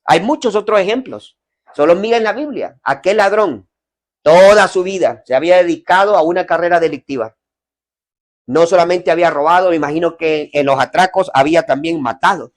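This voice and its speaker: A man preaching an evangelistic sermon in a family home, addressing online listeners, swinging from loud, slow lines down to hushed ones. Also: sits high. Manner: dynamic preaching, swells loud then drops to near whisper.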